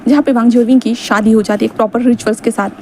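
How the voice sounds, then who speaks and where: High-voiced woman casually retelling a story. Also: fairly even intonation, racing, dark tone, a little hiss or hum. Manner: chatty, with fillers. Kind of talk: casual retelling of fan fiction.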